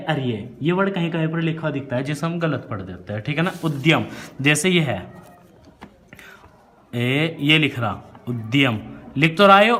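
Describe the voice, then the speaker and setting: A man's voice: fairly high pitch, fairly bright tone. A man teaching a spelling lesson who keeps quizzing his student, repeating each answer and checking "right?". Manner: adds frequent "right?" check-ins.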